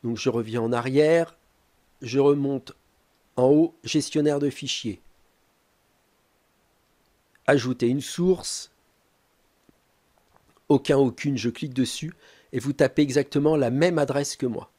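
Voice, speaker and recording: A man presenting a step-by-step tech tutorial, talking calmly with frequent hesitant filler pauses. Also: medium pitch.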